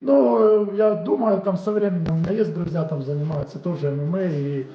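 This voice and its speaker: He's a boxing coach in his forties, Ukrainian-accented, chatting in a relaxed, friendly way with live-stream viewers from home and answering their questions spontaneously. His voice sits high and moves a little fast. The audio is roomy with the highs cut off and slight background noise.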